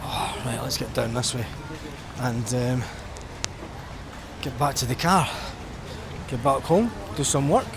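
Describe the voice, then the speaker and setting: Talking to the camera on a walk along a busy seafront, a middle-aged Scottish vlogger rambles in an informal, reflective, conversational style. His voice is medium in pitch, slow and creaky, with outdoor traffic noise behind it.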